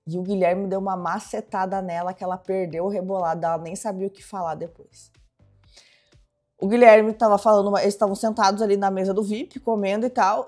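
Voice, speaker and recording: A woman's voice: mid-range voice, a little mellow. A woman hosting a chatty, dramatic reality show gossip recap. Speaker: host.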